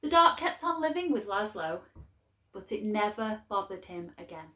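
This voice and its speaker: A woman reading a story aloud to young children in a measured, expressive way with clear phrasing. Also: mid-range voice, reverberant.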